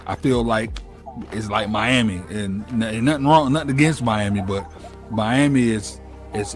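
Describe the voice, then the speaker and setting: This interview host, a man in his late 30s, keeps things informal and slangy, often repeating phrases. He's in an indoor room at home on a video call, wearing wired earphones, with background music, and his voice is fairly low and a little mellow.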